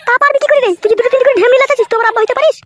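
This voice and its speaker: Very high, rapid scolding woman. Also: fairly even intonation. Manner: scolding, dramatic, quarrelsome. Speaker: actor in a comic family sketch. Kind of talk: comic sketch acting.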